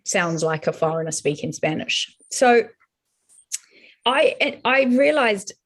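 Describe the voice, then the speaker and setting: A middle-aged woman with a broad New Zealand accent, telling her story conversationally in an earnest, halting, emphatic way. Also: medium pitch, expressive. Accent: broad New Zealand (Kiwi). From born in Colombia, raised in New Zealand from age seven. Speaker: podcast guest, advertising professional.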